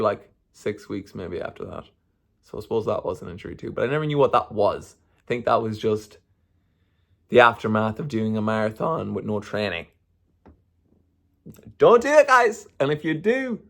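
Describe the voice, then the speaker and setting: A young man talks through his own podcast in a loose, rambling way. He drops slang and the odd swear word, and his voice sits at an ordinary middle pitch for a man. It sounds like casual solo chat. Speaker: podcast host.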